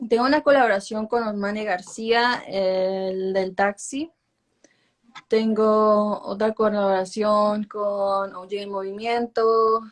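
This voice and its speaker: A woman in her twenties, a singer talking casually in an interview in Spanglish, dropping English filler words into her Spanish. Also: medium pitch. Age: 20s. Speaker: urban music singer being interviewed.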